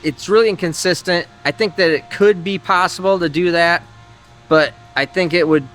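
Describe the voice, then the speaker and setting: With faint music in the background, a man with a high-pitched, fairly bright voice hosts an engine-building video from his workshop at a moderate pace. He chats casually to viewers in shop talk, thinking aloud and frequently leaving sentences unfinished.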